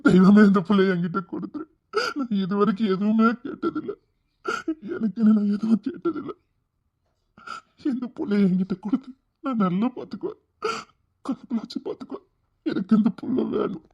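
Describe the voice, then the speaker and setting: A woman's voice: medium pitch, lively intonation, moderate pace, vocal fry, long pauses, muffled recording. A woman doing a tearful, lonely man with a Tirunelveli accent. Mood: pleading. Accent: Tirunelveli Tamil. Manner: tearful, pleading, often hushed. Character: lonely, tender-hearted grown man, emotional. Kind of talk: emotional drama acting.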